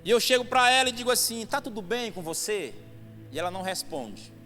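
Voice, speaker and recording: A young adult man, giving a fervent testimony sermon that rises to shouts at its peaks. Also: high voice, sing-song, a little fast. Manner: fervent storytelling, rising to shouts at climaxes. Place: church hall. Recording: long reverb hall with music behind.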